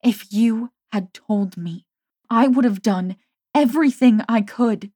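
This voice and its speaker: A woman's voice: on the high side, a little slow, husky, no echo, studio quality, pitched above the performer's own voice. A woman voicing Vi, a heartbroken young woman. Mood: pleading. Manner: pleading, rising to anguished shouts.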